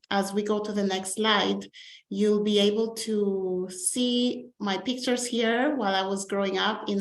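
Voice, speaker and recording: A woman speaks as a panel presenter in a polite, measured way, her voice sitting in a middle range. The sound is roomy and echoey, picked up over a video call. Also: mid-range voice. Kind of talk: webinar presentation. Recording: roomy echo.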